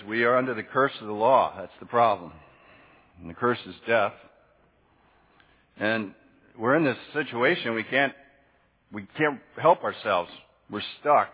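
A man preaches a sermon to a congregation in a large church hall, teacherly and conversational, posing questions and answering them himself. His fairly low voice has a breathy edge, and the recording is echoey with dull lo-fi sound.

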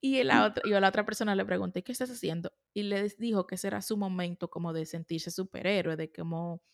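Host lady, low fry-ish voice, animated storyteller. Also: fast talker. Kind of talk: casual interview chat.

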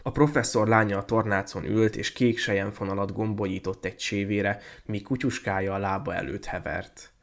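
Brief: male podcast host, storybook narration, measured and lyrical, lower pitch. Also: steady tone. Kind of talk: storybook reading aloud.

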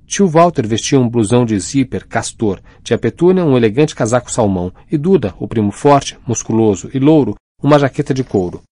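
A man reading a novel aloud as an audiobook narrator, in a measured, expressive way, on a close mic. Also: mid-range voice, no room sound. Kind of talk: scripted narration.

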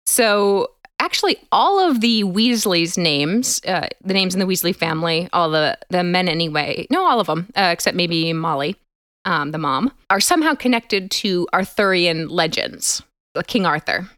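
A woman's voice: on the low side, animated, normal speed, a bit bright, no echo, clean studio sound. A woman co-hosting a casual podcast, explaining things at length and laughing often. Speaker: podcast co-host.

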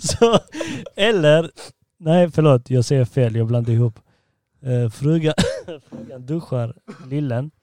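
Laughing Swedish-speaking dad telling stories. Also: male voice, mid-range voice, lively intonation, warm tone, no room sound. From Serbia. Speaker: podcast host. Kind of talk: casual podcast chat. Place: living room at home.

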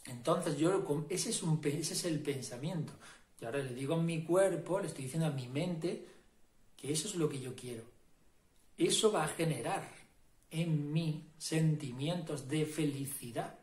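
Man, a slightly high voice, a self-help guide talking to camera, emphatic and repetitive, recorded in a reverberant room. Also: moderate pace, darkish tone. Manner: emphatic, repetitive, asks "¿no?" and "¿vale?". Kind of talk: casual motivational talk to camera.

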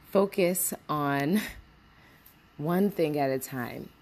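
A woman's voice: sits low, darkish tone. A woman hosting a motivational podcast, talking in an upbeat, encouraging way with frequent laughs, recorded muffled under a blanket. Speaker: podcast host.

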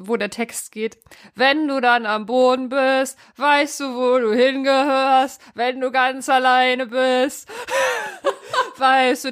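This woman in her thirties co-hosts a podcast, keeping the chat casual with a high voice. She tells stories animatedly, laughs often, and mimics voices.

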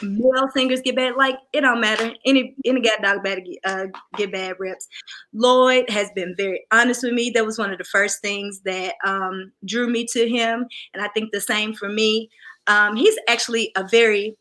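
A woman with a Southern US accent chatting casually in a goofy, loud, down-home country way. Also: on the high side. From Southern United States. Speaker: musician guest. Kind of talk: casual chat.

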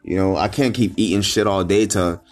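A man with a fairly low voice delivers an unscripted motivational rant, swearing constantly and circling back over the same points. He restarts his sentences and pushes into loud, frustrated bursts of emphasis. Faint music plays behind him. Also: moderate pace. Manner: profane, repetitive and rambling, with frequent restarts. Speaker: motivational vlogger.

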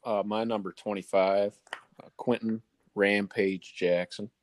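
Low-voiced man reading a countdown list. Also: steady tone, a little slow, no echo. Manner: announces each ranked number, then the name. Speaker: sports talk show panelist presenting a list. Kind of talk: top ten countdown of sports nicknames, read out casually to co-hosts.

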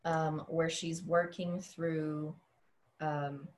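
Low-voiced thoughtful woman from the Dominican Republic. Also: flat delivery, drawn-out words, a little mellow. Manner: thoughtful, many fillers and restarts. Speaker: dance teacher and choreographer. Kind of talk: panel discussion.

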